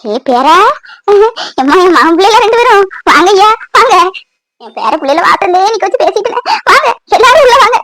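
Casting: a woman playing an elderly grandmother who is reproachful but forgiving and a little preachy, in a high voice. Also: sing-song, moderate pace, fairly bright tone, no echo, full character voice. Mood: welcoming. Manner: scolding yet tender, preachy. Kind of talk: cartoon voice acting.

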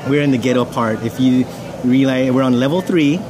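A man's voice: mid-range voice, brisk. Joking man co-hosting outdoors. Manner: loose, joking, swearing banter. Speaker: podcast co-host. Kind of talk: casual chat. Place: outdoor racetrack terrace. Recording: outdoor noise in background.

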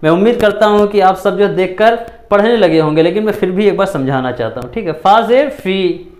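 A man teaching Quran letter reading, patiently repeating syllables slowly and checking in often. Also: high-pitched, animated, a little mellow. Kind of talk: step-by-step recitation lesson.

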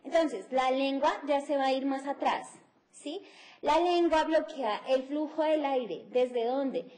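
A middle-aged woman with a high-sitting, darkish voice speaks slowly. Teaching an English phonetics class on TV, she explains sounds step by step and mixes in English.

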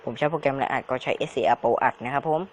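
A man's voice: medium pitch, steady tone, racing, slight background noise. A man giving casual commentary while playing a game, polite and chatty, making digging sounds with his mouth. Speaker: Let's Play gamer.

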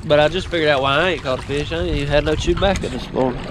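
A young man chatting casually and joking while bass fishing from a boat, caught on an action camera. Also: rapid-fire. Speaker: angler in a bass tournament. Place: outdoors on a boat on a lake. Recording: loud wind and water noise outdoors. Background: wind and water.

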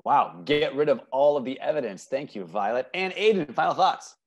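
With a mid-range, sing-song voice and a moderate pace, a man in his thirties hosts a playful game show over video from a room in his home. He teaches improv, keeps the mood upbeat, and often says answers back to players.

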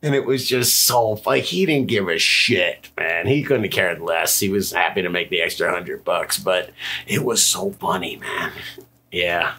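A man co-hosting a podcast in casual chat, a gravelly-voiced, animated storyteller who swears freely and laughs a lot. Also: low voice, a little slow. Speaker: podcast co-host.

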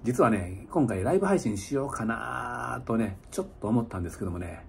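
After an hour of drinking, this slightly tipsy Kansai-accented biker vlogger in his middle years talks rambly and casual to his audience like a streamer, laughing and tossing in asides. His medium-pitched voice is expressive, brisk and a little mellow with vocal fry, and the small lodging room carries noticeable background noise.

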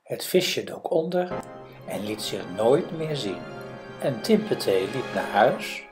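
Low, slow woman telling a fairy tale. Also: sing-song, over music. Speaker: storyteller. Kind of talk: reading a fairy tale aloud.

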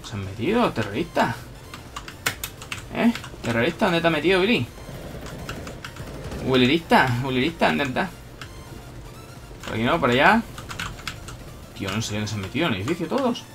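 Excitable young Spanish gamer, lively voice. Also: male voice, a little high, normal speed, pauses often. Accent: Spain Spanish. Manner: excitable, bursts into shouts and playful taunts at opponents. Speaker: gaming commentator. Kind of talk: live gameplay commentary. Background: electronic background music.

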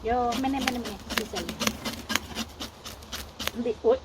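A woman's voice: fairly high pitch, steady tone, unhurried. Older woman vlogger with an Isan accent, folksy and chatty, on a noisy outdoor recording. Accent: Isan (northeastern Thai). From Thailand. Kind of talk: casual chat to viewers.

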